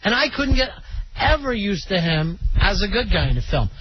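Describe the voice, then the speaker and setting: A man's voice: high voice, sing-song, normal speed, slightly rough. A man hosting a call-in radio show, chatty and opinionated, taking callers on the line. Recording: dull lo-fi radio broadcast.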